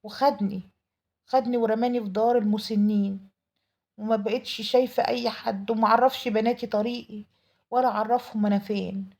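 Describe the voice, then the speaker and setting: A woman with an Egyptian Arabic accent tells a dramatic first-person story at a rapid clip. Her voice is mellow and slightly high, and she pleads and grieves as she goes. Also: steady tone. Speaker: storyteller narrating a mother's tale.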